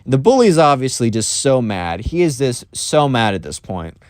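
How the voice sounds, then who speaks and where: A man narrating a storytime vlog in a loose, rambling way, stacking up fillers as he goes. His pitch sits right in the middle and the sound is dry and close, with no room to it. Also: big pitch swings, normal speed, no room sound. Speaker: storytime YouTuber.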